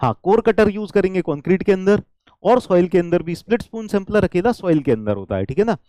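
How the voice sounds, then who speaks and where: Lively Hindi-speaking male engineering teacher. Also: high-pitched, quick pace, dry recording. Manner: checks in often with the class, repeats key points; switches into English lines. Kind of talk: engineering lecture.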